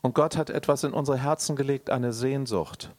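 A man preaching a sermon, addressing the congregation directly and swinging between loud emphatic bursts and quiet, intimate asides. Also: medium pitch, moderate pace. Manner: addresses the listener directly and personally.

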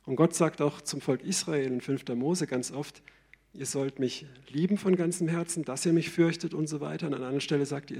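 A man preaching a sermon in a conversational, lively way, often checking in with "ja?". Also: a little high, slightly rough.

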